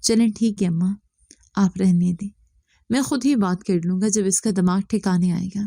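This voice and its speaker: A woman's voice: medium pitch, vocal fry, warm tone, no room sound, studio quality. A woman voicing a young husband abroad who speaks tersely and insistently. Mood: frustrated. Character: young husband working abroad, frustrated and suspicious.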